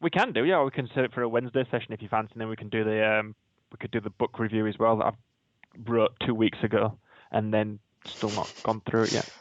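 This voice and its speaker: A Yorkshire man chats at a brisk pace in an informal, matey way, full of slang. His mid-pitched voice sounds like a casual podcast co-host. The recording is close and dry but a little muffled and lo-fi. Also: fairly even intonation, dry recording. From Yorkshire, England. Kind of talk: casual chat. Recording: dull, lo-fi audio.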